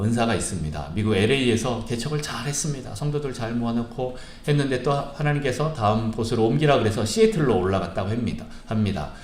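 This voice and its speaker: A male pastor preaching a sermon, telling a story with frequent "uh" pauses and vivid retelling. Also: fairly low pitch, echoey room. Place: church sanctuary.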